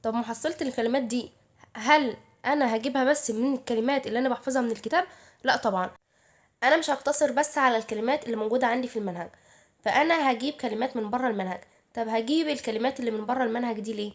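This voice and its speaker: A woman with an Egyptian Arabic accent giving casual study advice to her viewers, chatty and answering her own rhetorical questions. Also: high voice. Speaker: YouTuber giving study tips.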